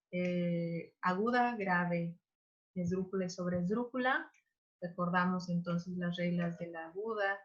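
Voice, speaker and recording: A woman teaching a class over a video call, her voice a little low and her pace very slow. She stops often with fillers as she explains. The sound is dull and lo-fi. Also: a bit bright. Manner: slow, hesitant with many fillers. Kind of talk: online class lecture.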